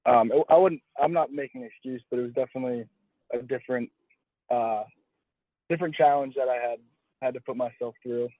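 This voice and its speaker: A young adult college athlete gives a casual interview over a phone call, his mid-range voice fairly quick and free of echo. He hedges, corrects himself, and keeps restating phrases, all captured in dull, lo-fi phone audio.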